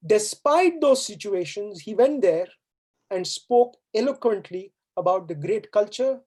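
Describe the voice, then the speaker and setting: A woman from India, whose first language is Hindi, delivers a formal valedictory speech as guest speaker at a university event in an auditorium. Her voice is fairly low and darkish in tone, and she speaks earnestly and exhortingly, posing rhetorical questions.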